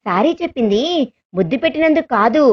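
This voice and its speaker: A tender young man who teases his sweetheart softly, as a woman narrator reads his lines a little lower than her own high voice. His speech is affectionate and gentle, and the audio is dull and lo-fi. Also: lively intonation, fast. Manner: soft, affectionate teasing.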